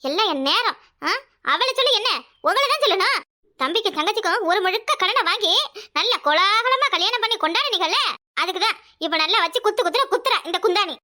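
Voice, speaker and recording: A woman with a southern Tamil village dialect voicing a jealous, sharp-tongued older wife who scolds sarcastically in a cartoon. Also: extremely high pitch, animated, a little fast, heavily acted. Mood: scolding. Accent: southern Tamil Nadu village dialect. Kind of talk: cartoon voice acting.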